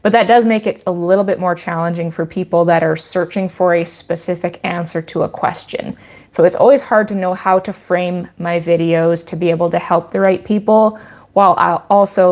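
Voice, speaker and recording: A fairly low, slightly mellow voice belongs to a Canadian-accented woman who runs a channel about her goat farm. She's chatting casually in a livestream Q&A, teacherly and rambling, with frequent restarts.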